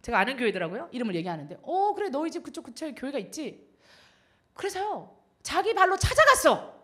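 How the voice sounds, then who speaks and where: A woman's voice: high voice, a little fast. A middle-aged woman missionary telling stories in a sermon, acting out the dialogue and laughing often. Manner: animated storytelling, acts out dialogue, laughs often. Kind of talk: sermon with storytelling.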